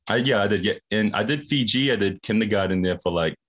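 A young man with a very low voice talks as a podcast guest. He tells his story in a laid-back, slangy way and chuckles often. The talk is loose and casual. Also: fast. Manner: laid-back slangy chatter with frequent laughs.

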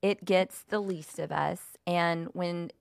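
A woman's voice: lowish voice, steady tone, slow, creaky, no room sound, clean studio sound. A woman co-hosting a podcast, talking in a chatty, upbeat way. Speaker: podcast co-host. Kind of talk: casual chat.

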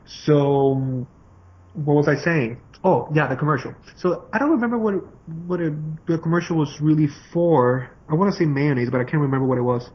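A man's voice: fairly high pitch, moderate pace. A man from Venezuela with a Venezuelan Spanish accent and rolled r's, chatting casually as a podcast guest in a rambling, joking way. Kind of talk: casual chat. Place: remote call. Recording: dull lo-fi call with some noise.

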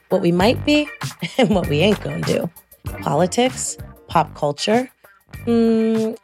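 A woman hosting a podcast in a casual, colloquial way, her voice husky after laryngitis. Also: mid-range voice. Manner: relaxed, colloquial, lists things in rhythmic runs. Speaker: podcast host.

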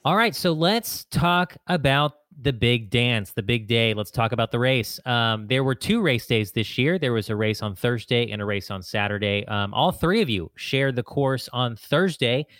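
A man's voice: medium pitch, lively intonation, normal speed, hardly any pauses, a bit bright, dry recording. A man hosting a podcast interview, friendly and organized, steering guests through their stories. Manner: friendly, structured questions, laughs along. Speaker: podcast host.

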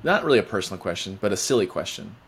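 Upbeat jokey man hosting, lowish voice. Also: very animated, racing, gravelly, breathy edge. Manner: upbeat, jokey, many fillers. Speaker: podcast host. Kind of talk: casual interview chat.

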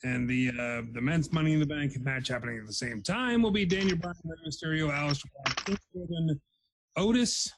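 Male podcast host, quick rundowns, casual, a little high-pitched. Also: background noise. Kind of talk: casual chat.

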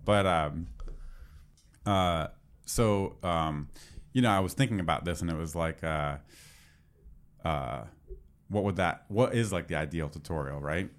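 A man's voice: low-pitched, a little slow, long pauses. A man in casual conversation, rambling with lots of fillers as he talks shop. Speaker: podcast co-host, developer. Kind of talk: casual chat.

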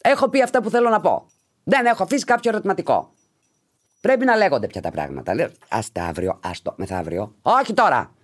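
A woman hosts a podcast and talks casually to her listeners in a chatty monologue. Her pitch swings widely as she goes, and she swears freely in an animated way. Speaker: podcast host.

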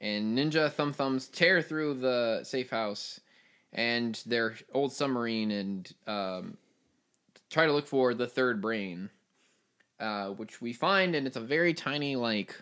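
A man's voice: medium pitch, animated, slow pace, fairly bright tone, clear, resonant tone. A man hosting a podcast, casually recapping a film plot in a rambling way with many fillers. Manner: rambling, filler-heavy storytelling. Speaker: podcast host.

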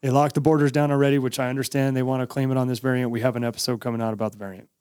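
A man's voice: mid-range voice, little pitch movement, rapid-fire, a little mellow, smooth, dry recording, clean studio sound. An American man co-hosting a podcast, giving his opinions in a casual, emphatic way and repeating his points. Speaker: podcast host.

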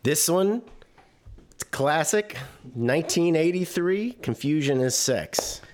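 Animated, laughing man. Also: fairly high pitch, slow pace. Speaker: podcast co-host. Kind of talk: casual chat.

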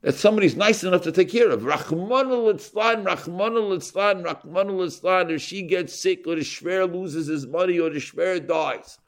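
A man teaching a lively Torah class to an audience, mixing in Yiddish and Hebrew terms. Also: high voice, moderate pace, few pauses. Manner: animated, switches loud and soft, Yiddish and Hebrew terms.

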